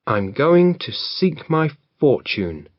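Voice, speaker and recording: A man's voice: fairly high pitch, very animated, slow, no room sound, voice pushed up, full character voice. A man voicing Jack, a bold boy who leads his animal friends, on a dull lo-fi recording. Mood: confident. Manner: plain, confident.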